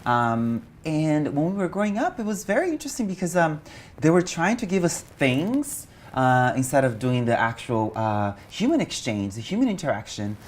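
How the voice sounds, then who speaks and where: A man from Brazil, speaking as an interview guest in an open, expressive way and swearing casually. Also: a little high, normal speed, slight background noise. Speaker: guest, meditation teacher and coach. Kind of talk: candid interview chat.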